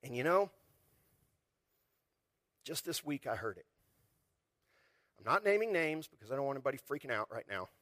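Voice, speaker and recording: A male pastor preaching a sermon in an animated, conversational way, often asking the congregation rhetorical questions. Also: medium pitch, moderate pace, pauses often, dry recording, studio quality.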